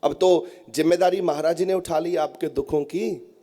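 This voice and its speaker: A man with a high voice gives a devotional sermon to a seated congregation. His tone is mellow and soft-edged. He talks straight to his listeners in an earnest, coaxing way. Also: steady tone, moderate pace. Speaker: spiritual teacher. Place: prayer hall at a gathering.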